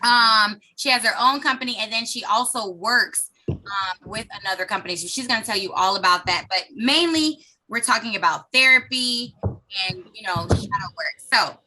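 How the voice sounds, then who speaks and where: A woman's voice: on the high side, normal speed, bright, forceful tone, a little hiss or hum. A woman hosting a podcast, chatty and enthusiastic, talking loosely over a video call. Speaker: podcast host. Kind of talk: casual video podcast interview.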